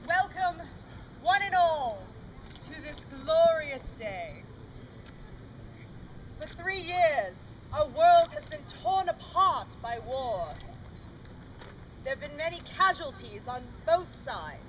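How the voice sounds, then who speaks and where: A woman's voice: very animated, slow pace, pauses often, full character voice. A woman playing a stern, proud fantasy queen in formal, archaic Renaissance faire speech. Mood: solemn. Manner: formal archaic royal declamation. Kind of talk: Renaissance faire stage drama, olde speech. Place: outdoor faire. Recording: noisy outdoor live recording, engine-like ambient rumble.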